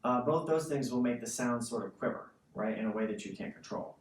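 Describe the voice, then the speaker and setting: A man's voice: medium pitch, brisk. A man giving a casual instructional explanation as a music teacher, conversational and often checking in with the listener. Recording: roomy, distant mic, faint noise.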